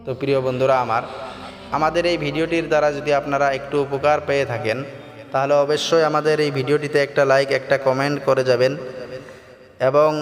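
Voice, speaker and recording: A man teaching Quran recitation in a tajweed lesson, explaining each sound and then chanting the verses slowly and melodically. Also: mid-range voice. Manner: slow drawn-out melodic chanting between spoken explanations. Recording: long reverb with faint background music.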